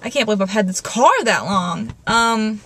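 A woman's voice: mid-range voice, moderate pace, a bit bright, slight background noise. A young woman, talking into a handheld camcorder in her parked car, rambling with many fillers and restarts, shaken and nervous. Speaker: vlogger. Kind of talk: casual vlog in a parked car.

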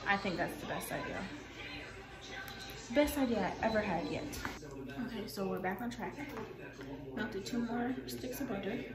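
Baking on camera at home, a young woman narrates her vlog at medium pitch and a moderate pace, pausing often. She sounds uncertain, pokes fun at herself, and thinks out loud. A loud crowd and blaring pop music echo through the kitchen.

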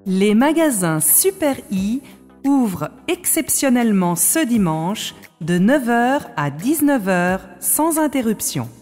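A woman's voice: fairly high pitch, big pitch swings, slow, a little mellow, soft background music. A woman reading a shop advertisement in an upbeat, promotional way. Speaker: advertisement reader.

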